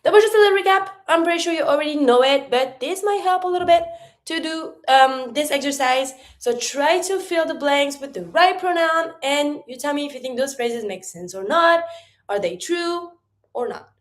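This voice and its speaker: A woman teaching a French lesson in English, sounding out French words slowly and carefully as she explains. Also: sits high, animated. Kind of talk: online language lesson.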